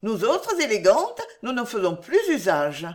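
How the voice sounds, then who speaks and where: Brief: woman voicing a high, excitable young fashionable lady, exclamatory and prone to indignation, in a storybook reading. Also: unhurried. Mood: indignant. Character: young elegant Spanish lady, sentimental and vain. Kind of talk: audiobook reading.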